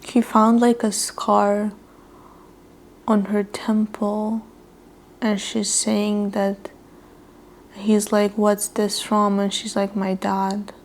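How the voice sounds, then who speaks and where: A young woman with a medium-pitched, slightly mellow voice vlogs about books, reading a romance novel on camera. She retells the characters' lines chattily as casual read-along commentary and laughs frequently.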